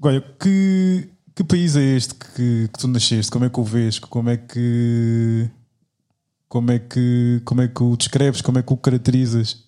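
A man's voice: medium pitch, moderate pace, warm tone. A man interviewing a guest, probing with repeated, rephrased questions.

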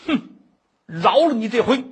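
A man's voice: very high voice, very animated, measured pace, slightly rough, voice pushed up, heavily acted. A male storyteller voicing an indignant young boy who feels wronged by his mother. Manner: sulky, indignant. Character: young boy, angry and hurt son.

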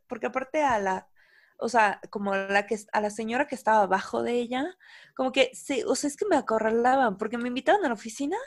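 A woman's voice: a little high, dry recording, clean studio sound. Slangy Mexican woman telling a story. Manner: slangy, animated, full of fillers. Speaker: podcast co-host. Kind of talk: casual storytelling chat.

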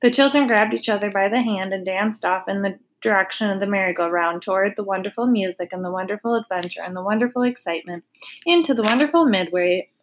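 A woman reading a children's chapter book aloud, gentle and expressive. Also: mid-range voice, fast talker, rough recording. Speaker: reader. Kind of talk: storybook read-aloud.

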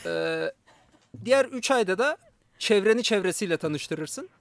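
A man's voice: high voice, expressive, unhurried, gravelly, fairly bright tone, no echo. A man chatting casually as a radio guest, joking at his own expense. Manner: self-deprecating, jokey. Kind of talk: casual chat. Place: radio broadcast.

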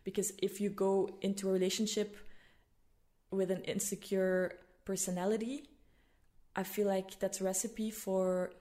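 A woman's voice: medium pitch, little pitch movement, moderate pace, mellow. A woman hosting a conversational interview podcast, speaking in a reflective way. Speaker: podcast host.

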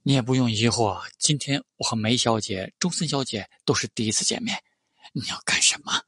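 A man voicing a cold, ruthless young tycoon who speaks calmly with quiet menace. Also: mid-range voice, brisk, husky, no echo, studio quality.

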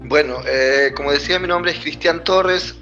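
A man in his forties with a Chilean accent, a guest telling his story in an unhurried, easygoing way. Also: fairly high pitch, lo-fi sound, over music. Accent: Chilean Spanish. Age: 40s. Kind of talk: casual interview.

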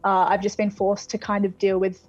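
A woman's voice: medium pitch, monotone, brisk, darkish tone, dry recording, soft background music. A woman with an Australian accent chatting casually and reflectively as a singer being interviewed over a video call. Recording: phone-like thin sound of video call.

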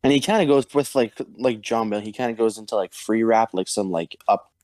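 A man's voice: fairly low pitch, a little fast, a little mellow, no echo, clean studio sound. A man co-hosting a casual music podcast, talking in a slangy, loose way with many restarts. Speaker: podcast co-host. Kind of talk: casual chat.

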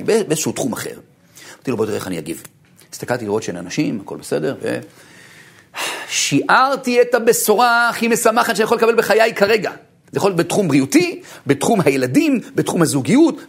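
A man, a rabbi, giving an animated lecture full of stories, swinging from low murmurs to high bursts and laughing as he tells them. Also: vocal fry, breathy edge. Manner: laughs while telling stories.

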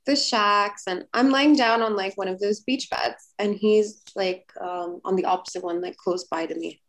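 In a casual chat, a podcast co-host with a mid-range voice and normal speed recounts a long story. She rambles with animation and uses "like" as a frequent filler.

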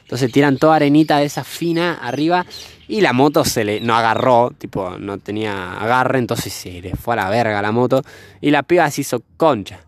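A man's voice: mid-range voice, brisk. A young man telling a story in casual, rambling chat, full of slang and swearing. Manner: rambling, slangy, swears freely, laughs often. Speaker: vlogger. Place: outdoors by a fire.

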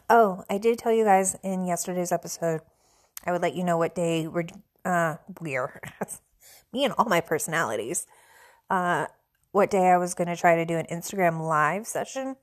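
A woman with a slightly low voice hosts a casual solo podcast, rambling along in a self-deprecating way. She sounds stuffy and a little hoarse. She is from the central United States. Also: moderate pace. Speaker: podcast host.

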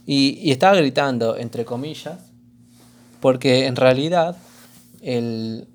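A man with an Argentine accent, hoarse, rambling through a casual commentary vlog with lots of slang and fillers. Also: medium pitch, takes it slowly. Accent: Argentine Spanish. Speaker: vlogger.

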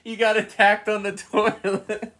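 A man's voice: sits high, flat delivery, unhurried, fairly bright tone. A man co-hosting a casual comedy podcast, swearing freely and slipping into silly voices to act out pets. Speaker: podcast co-host.

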